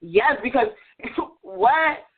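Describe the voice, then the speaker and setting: A woman joining a casual podcast discussion as a guest, speaking forcefully and with indignation. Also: fairly high pitch, animated, drawn-out words, husky. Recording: tinny phone-like audio.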